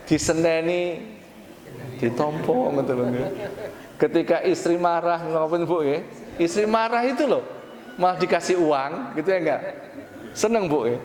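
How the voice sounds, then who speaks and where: A man with a Javanese accent preaching a sermon, asking the congregation questions and stretching out Arabic phrases slowly. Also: fairly high pitch, a little mellow. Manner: call-and-response questions to the congregation; drawn-out slow Arabic phrases. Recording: echoey hall.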